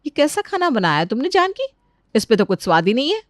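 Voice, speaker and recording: A woman voicing a proud, sharp-tongued elder sister-in-law in a cartoon story, snappy and scolding. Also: high-pitched, very animated, fairly quick, no room sound, clean studio sound, pitched above the performer's own voice.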